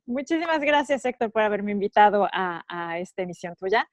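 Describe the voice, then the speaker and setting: A woman in her forties, speaking in a podcast interview at a middle pitch. Her delivery is measured and reflective, pausing often to find her words. The recording is dry and close, with no room sound. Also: expressive, dry recording, highs cut off. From Mexico. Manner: measured, thoughtful, with frequent pauses. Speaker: guest.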